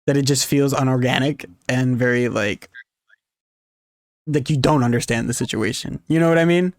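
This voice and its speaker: A man co-hosting a gaming podcast, chatting excitedly, swearing freely and laughing often. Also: medium pitch, moderate pace, no echo, studio quality. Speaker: podcast co-host. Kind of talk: casual chat.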